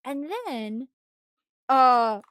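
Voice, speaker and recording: A woman streamer casually retelling a story, animated and rambling, often restarting her sentences. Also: high-pitched, drawn-out words, no echo, studio quality.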